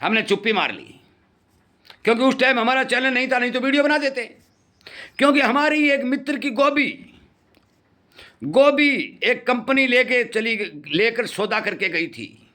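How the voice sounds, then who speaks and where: A man's voice: very high-pitched, lively intonation, unhurried, pauses often, pushed and bright. A middle-aged man, hosting a farming channel and warning farmers in earnest, repeating his points for emphasis. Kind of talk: impassioned commentary to farmers.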